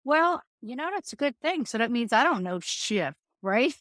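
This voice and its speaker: Very animated and fairly high in pitch, this New Orleans woman speaks at a moderate pace with a fairly bright tone. She's a middle-aged restaurant owner chatting casually as a podcast guest, spinning folksy stories in her local accent over a dry, studio-quality recording.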